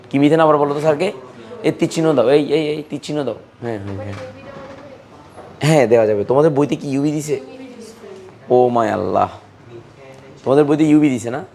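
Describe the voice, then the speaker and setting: A man's voice: mid-range voice, darkish tone. A man teaching a chemistry class, repeating key terms and quizzing his students, sometimes teasing and scolding them. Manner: repetitive, drilling students with questions. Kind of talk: classroom lecture.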